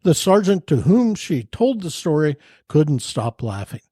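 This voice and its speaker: A male podcast host reels off jokes and anecdotes with a lively, swooping delivery. His voice sits a little high for a man. The recording is close and dry. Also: unhurried, breathy edge, no echo. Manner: animated storyteller. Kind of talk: casual joke-telling chat.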